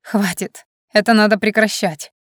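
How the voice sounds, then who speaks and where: A woman's voice: medium pitch, steady tone, normal speed, no echo, clean studio sound, natural voice. A woman voicing a hurt, furious young heroine. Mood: bitter. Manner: emotional, sharp, tearful outbursts.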